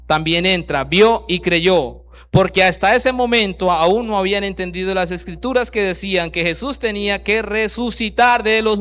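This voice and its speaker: High-voiced pastor with lively swings. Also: male voice. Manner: reads scripture aloud and comments on it with rhetorical questions; lively swings from loud to very soft. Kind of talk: sermon.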